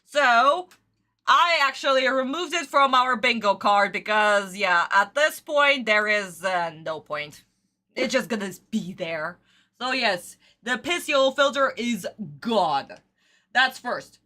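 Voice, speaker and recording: Female reaction streamer, effusive and dramatic, higher-pitched, bright, casual chat delivery. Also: animated, slow pace. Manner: effusive, theatrical, uses endearments.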